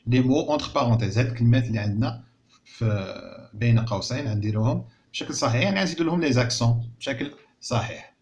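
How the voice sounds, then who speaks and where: Moroccan male teacher drawing out words. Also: mid-range voice. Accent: Moroccan Arabic. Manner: slow, drawn-out word repetition; explains French words in Arabic. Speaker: primary school teacher. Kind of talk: recorded classroom lesson.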